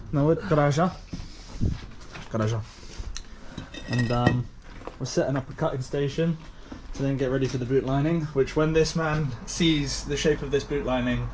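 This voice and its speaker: A man's voice: fairly high pitch, darkish tone, slight background noise. A man, chatting casually and joking while shopping for parts and working on a car. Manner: jokey, laughing, quick banter. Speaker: vlog host.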